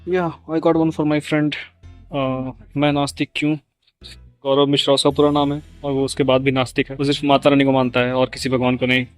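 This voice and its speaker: A man's voice: mid-range voice, flat delivery, moderate pace, clear, resonant tone, soft background music. Wry young man vlogging. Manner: joking, wry asides, switching between Hindi and English. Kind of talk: casual comic vlog narration. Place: indoor book fair.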